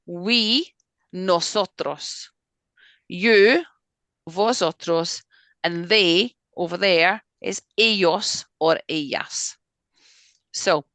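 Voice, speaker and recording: A woman teaching an online Spanish lesson over a video call. She drills words slowly and keeps checking that her students are following. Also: medium pitch, sharp tone, no echo.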